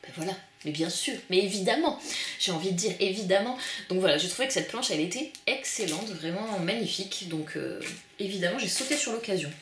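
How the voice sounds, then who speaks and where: A woman's voice: mid-range voice, lively intonation, brisk, fairly bright tone. A woman vlogger chatting casually and enthusiastically about her craft supply haul, with lots of fillers. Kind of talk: casual haul show-and-tell. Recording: echoey room with faint noise.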